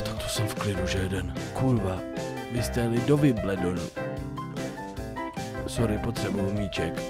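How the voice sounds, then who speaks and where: A young man commentating a survival game, swearing constantly and bursting into shouts. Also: medium pitch, gravelly. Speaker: gamer streamer.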